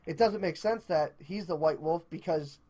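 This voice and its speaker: A young man with a rather high, light voice leads a loose, casual interview among friends. He talks bluntly and states strong opinions, with casual swearing mixed in. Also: moderate pace, warm tone. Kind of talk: casual chat.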